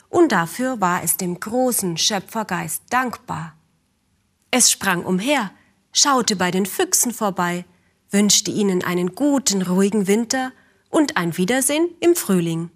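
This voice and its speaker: A woman narrating a children's story in a gentle, calm way, speaking directly to the children. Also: medium pitch.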